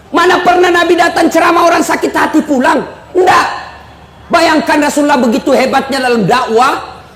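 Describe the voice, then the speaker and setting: A male preacher giving a joking live sermon, shouting to stress his points. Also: extremely high pitch, a little hiss or hum. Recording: echoey hall with faint audience ambience.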